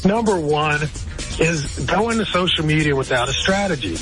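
Direct, higher-voiced male expert. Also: animated, moderate pace, music in the background. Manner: direct, instructive. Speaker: business guest. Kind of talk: advice clip.

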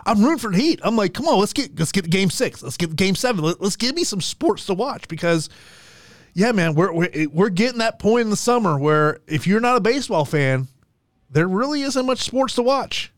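Animated man in his forties, dry sound. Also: high-pitched, a little fast, dry recording. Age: 40s. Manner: animated, chummy, repeats himself. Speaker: podcast co-host. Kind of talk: casual sports chat.

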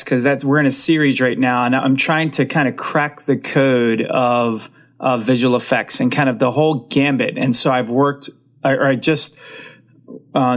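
A man hosting an interview podcast, asking long rambling questions in a chatty, encouraging way. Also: mid-range voice. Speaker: podcast host, film coach. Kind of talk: casual interview talk.

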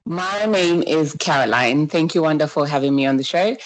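A woman born in Zimbabwe who moved to the UK around age ten is a guest on a podcast, where she founded a travel brand. She speaks in a low-pitched voice at a moderate pace, answering conversationally and rephrasing as she thinks aloud. The audio is poor but has no echo.

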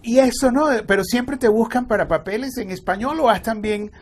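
High-voiced, hesitant male interviewer. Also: normal speed. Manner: hesitant, many fillers and restarts. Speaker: interview host. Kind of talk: casual interview conversation.

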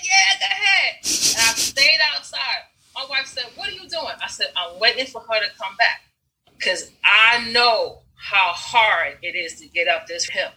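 Bright, animated storytelling woman. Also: a little high, poor audio. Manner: animated storyteller, swears freely, acts out scenes. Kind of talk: casual conversation. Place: Brooklyn.

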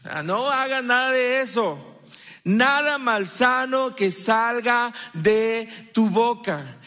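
A man delivers a sermon as a pastor, weaving humor into the teaching and voicing the lines people say. He has a high, somewhat bright voice, recorded in a church hall with live reverb.

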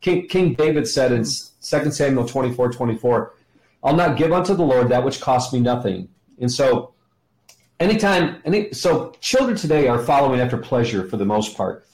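Speaking at a normal pace with lively intonation and a medium, darkish voice, this middle-aged American ministry educator teaches as an interview guest. He's enthusiastic and conversational, often repeating points for emphasis, and the sound echoes around the room.

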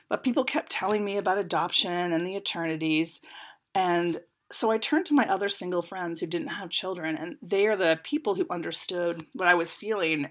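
A woman's voice: lowish voice, fairly bright tone. Candid reflective woman in her forties. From United States. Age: 40s. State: slightly congested from a cold. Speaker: podcast panelist. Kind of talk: personal reflection.

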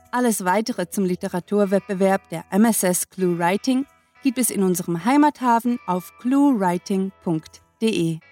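A woman hosts a podcast and reads a playful, scripted announcement in a mid-range voice. Soft music plays quietly beneath her. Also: medium pitch. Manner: playful, full of sailing wordplay. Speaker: podcast host. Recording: faint music behind.

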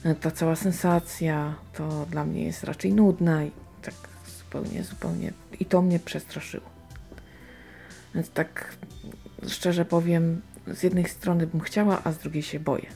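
A woman from Silesia gives casual, unscripted book commentary, thinking aloud with hesitant, drawn-out pauses. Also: sits low, steady tone, creaky, mellow, faint music behind. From Silesia, Poland. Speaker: book reviewer.

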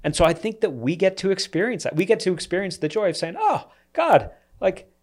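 A man's voice: sits high, quick pace. A man, a pastor, talking in an earnest, reflective way in a casual church podcast discussion, often restarting his sentences.

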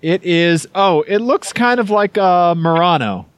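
A man's voice: sits high, animated, unhurried, no room sound. Casual podcast guy with a Missouri twang. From Missouri, United States. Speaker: podcast co-host. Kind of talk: casual chat.

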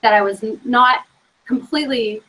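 Chatty woman, slightly high voice. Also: pushed and bright, low-quality recording. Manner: chatty, fast, full of fillers like "you know". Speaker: podcast co-host. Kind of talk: casual chat.

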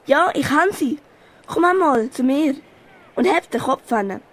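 A schoolgirl, a child or young teen pupil with a Swiss German accent, plays Molly, a helpful, resolute young female elephant, in a children's radio play. She sounds helpful and eager, with a high voice, lively intonation and a measured pace, plus a little hiss or hum.

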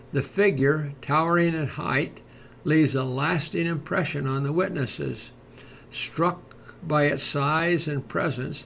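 A man reading scripted podcast narration in a measured, formal manner, like a nature documentary narrator. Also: medium pitch, vocal fry, slight background noise. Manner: measured, formal read-aloud delivery.

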